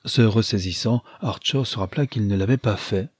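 A man narrates a classic novel in a measured, literary way. His voice is low and mellow with a husky edge. The recording is close and completely dry, with no room sound. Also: dry recording. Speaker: audiobook narrator.

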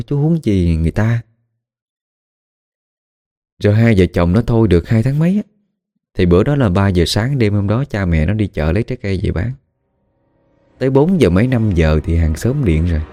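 A man tells a ghost story in a casual, colloquial way. His voice is very low and mellow, and he breaks into dramatic exclamations as he speaks. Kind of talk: spoken ghost story narration.

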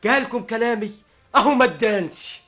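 A man voicing a defensive suspect in a theft, protesting loudly, in an Egyptian accent, in a radio drama. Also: very high-pitched, a little fast, faint music behind. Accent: Egyptian Arabic. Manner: protesting, exclaiming. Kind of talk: vintage radio drama acting.

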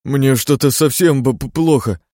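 A man voicing a broken, feverish young man who is hoarse, trembling and stammering, in an audiobook. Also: lowish voice, a little slow, darkish tone, no echo, studio quality. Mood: shaking. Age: young adult.

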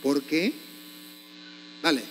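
Priest man preaching hard, high voice, echoey hall w faint hum. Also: extremely slow. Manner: forceful, scolding rhetorical questions. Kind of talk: sermon.

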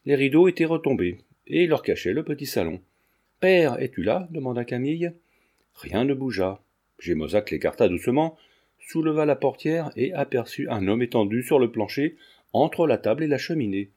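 A man reads a classic novel aloud in calm, measured narration. His voice is mellow and dark-toned and sits at an average pitch. The delivery is steady and scripted. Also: breathy edge. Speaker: audiobook narrator.

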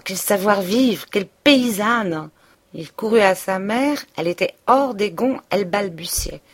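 A woman reading a classic novel aloud as audiobook narrator, in a steady, even literary manner. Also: mid-range voice. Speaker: audiobook reader.

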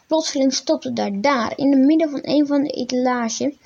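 High-pitched woman reading a story. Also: moderate pace, creaky, slightly rough. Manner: calm, gentle reading with small slips. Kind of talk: reading a children's story aloud. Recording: dull, lo-fi recording.

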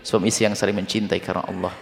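A man preaching a sermon to a congregation, lively and jumping into high-pitched mimicry of the people in his stories. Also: racing, creaky. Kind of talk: Islamic sermon with Q&A. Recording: long hall reverb.

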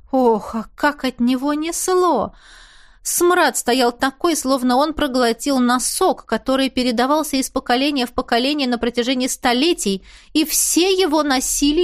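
Woman reading a fairy-tale audiobook. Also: high-pitched. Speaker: audiobook narrator. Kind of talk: scripted first-person narration.

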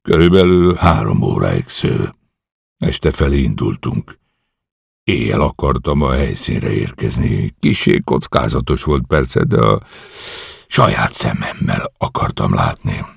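An eager, bold young commando officer, read by a man who reports his mission earnestly and respectfully. The voice sits very deep with a gravelly edge and a husky grain. It sounds dry and close. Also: expressive, no room sound, exaggerated voice.

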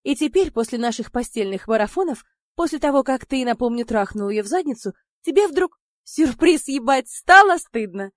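A woman reading an audiobook, voicing a brash, foul-mouthed man who talks loudly and jeers. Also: high-pitched, lively intonation, normal speed, no echo, studio quality, voice pushed up. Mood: jeering. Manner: loud, jeering, swearing.

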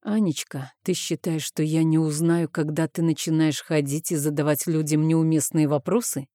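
A woman's voice: low voice, fairly even intonation, moderate pace, dark tone, dry recording, studio quality, natural voice. A woman reading the part of an arrogant, condescending male villain in an audiobook, with a drawling, contemptuous manner. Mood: mocking. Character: smug arrogant man, misogynist villain on the phone.

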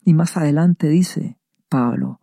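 Preacher, sermon, slow and deliberate, very dark mellow tone, dry close sound. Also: mid-range voice, creaky, no echo. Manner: deliberate, asks and answers rhetorical questions. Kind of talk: radio sermon reading scripture.

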